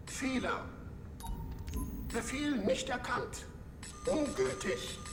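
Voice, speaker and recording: A woman's voice: sits high, drawn-out words. A woman voicing a female computer terminal with a synthetic, robot-like sound, giving curt, clipped announcements. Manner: clipped one- and two-word announcements. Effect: synthetic robot-like machine voice. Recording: roomy game audio under loud music.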